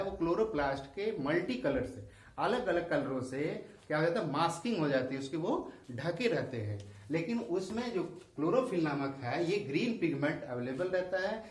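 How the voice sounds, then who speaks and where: A male school science teacher with a Hindi accent, explaining a lesson and asking questions that he answers himself. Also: fairly high pitch. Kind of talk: classroom lesson explaining diagrams. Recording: echoey room, voice a bit far from the mic.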